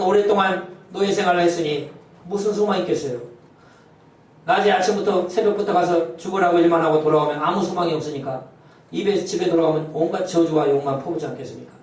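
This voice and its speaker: A man's voice: a little high, darkish tone. A male pastor preaching a sermon with fervent exhortation, often adding a short affirming "yes" between phrases. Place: church sanctuary. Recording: very echoey church hall, voice from far off.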